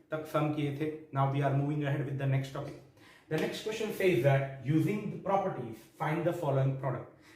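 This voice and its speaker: A man's voice: high voice, darkish tone. A man teaching a maths lesson to school pupils, explaining each step patiently and mixing English into Hindi. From India. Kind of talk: recorded online maths lesson. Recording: echoey, distant room mic with faint noise.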